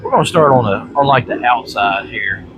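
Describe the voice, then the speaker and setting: At normal speed and a mid-range pitch, a vlog host rambles casually to the camera in his workshop. Bronchitis leaves him congested and chesty, so he keeps clearing his throat, and his talk is folksy and colloquial. Steady heater noise runs underneath.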